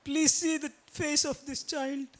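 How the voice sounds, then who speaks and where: A woman's voice: high voice, little pitch movement, unhurried. A woman playing a poor, desperate mother who pleads anguished with her husband, in an amateur devotional stage drama. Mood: pleading. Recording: background violin music.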